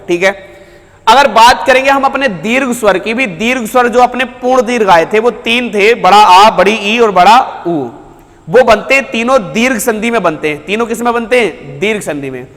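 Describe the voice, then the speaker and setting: A man with a high voice lecturing a class on grammar. He asks a question, answers it himself, then repeats the key term to drive it home. The recording carries a long reverberant tail from the room. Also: fairly bright tone. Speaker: Hindi teacher.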